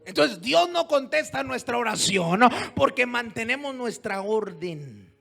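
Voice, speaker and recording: Pastor guy with a real high raspy voice, preaching, asks the church questions, goes quiet then loud. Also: sing-song, measured pace, soft background music. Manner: swings from hushed storytelling to loud exhortation; rhetorical questions to the congregation. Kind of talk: sermon. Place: church service.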